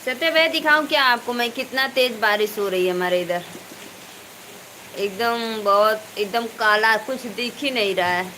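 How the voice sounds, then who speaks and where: A woman's voice: on the high side, moderate pace, rough recording. Chatty North Indian woman live streaming. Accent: Awadhi-tinged Hindi. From eastern Uttar Pradesh, India. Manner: chatty, greets viewers by name, speaks loudly over rain. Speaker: live stream host and folk singer. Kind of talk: casual live stream chat with viewers. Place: indoors at home during heavy rain. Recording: faint background noise of rain.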